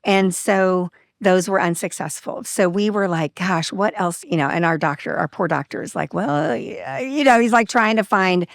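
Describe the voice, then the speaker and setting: A woman's voice: lowish voice, moderate pace, hardly any pauses, dry recording. A woman guest on a podcast telling a personal story in a casual, open way, acting out what people said. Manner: open, animated, acts out quoted dialogue.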